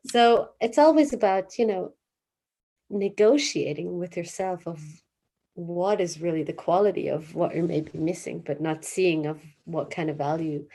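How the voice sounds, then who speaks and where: A woman's voice: deep voice, gravelly, dark tone. A woman therapist being interviewed, talking casually with many fillers and restarts and vivid images. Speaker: therapist guest.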